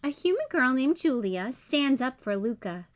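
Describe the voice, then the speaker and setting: A woman reading a children's picture book aloud as a storyteller, in clear, simple, expressive storybook delivery. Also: high-pitched, normal speed.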